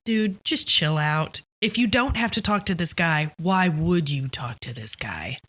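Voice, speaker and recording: Woman podcast co-host, bright tone, lively pitch, quick sarcastic banter with frequent laughs. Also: slightly rough. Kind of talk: casual chat.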